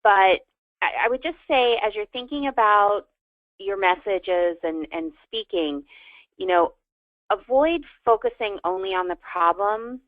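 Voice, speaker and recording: A woman co-presenter giving advice on a training webinar, halting and repeating words as she thinks. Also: mid-range voice, animated, no echo. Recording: dry tinny phone line.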